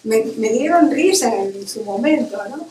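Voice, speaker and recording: A woman's voice: fairly high pitch, a little slow, a little hiss or hum. A woman author with a Peruvian Spanish accent, telling a personal story with laughs at a book fair. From Peru. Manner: laughs while telling, animated quotes. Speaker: author presenting her book. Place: book fair event room. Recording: roomy hall, mic from a distance.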